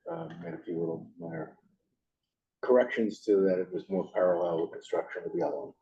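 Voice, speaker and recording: Deep, dark-voiced man giving quick remarks. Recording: dull muffled mic.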